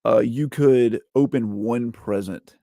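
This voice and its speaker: A man's voice: mid-range voice, takes it slowly, dark tone, no room sound, studio quality. A man, telling stories in casual conversation. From Alabama, United States. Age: 40s.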